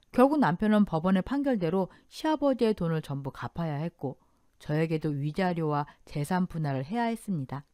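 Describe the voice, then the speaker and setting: A woman's voice: fairly low pitch, darkish tone, dry recording, clean studio sound. A woman narrating a dramatic first-person story in a confiding manner.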